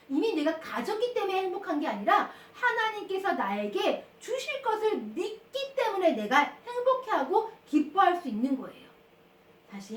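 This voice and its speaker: High, animated woman teaching children. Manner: animated, sing-song storytelling to children. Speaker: children's Sunday school teacher. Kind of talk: children's sermon. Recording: echoey room, far from the mic.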